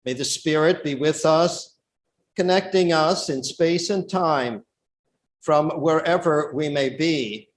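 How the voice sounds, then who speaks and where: A bishop leads prayer and reads the gospel, slow and deliberate, his fairly high voice carried by a cathedral echo. Faint church ambience hums underneath the long reverberant tail of each phrase. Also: a little hiss or hum. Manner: slow, measured, solemn delivery. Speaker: bishop presiding at Mass. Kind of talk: liturgical prayer and scripture reading. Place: large church.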